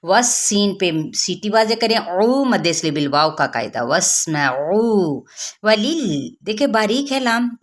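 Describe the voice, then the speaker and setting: A woman teaching Quran recitation rules, chanting verses slowly and then explaining the pronunciation step by step, asking and answering her own questions. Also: fairly low pitch, a bit bright. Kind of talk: tajweed lesson with slow chanted recitation.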